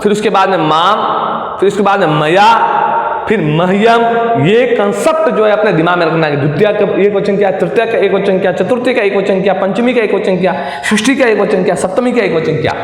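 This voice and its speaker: A man teaching a class in a high voice, reciting forms and repeating them with frequent checks. The sound is roomy with a long hall reverb, as if recorded in a large space. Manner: repeats forms slowly and checks understanding often. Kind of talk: classroom lesson, recited drill.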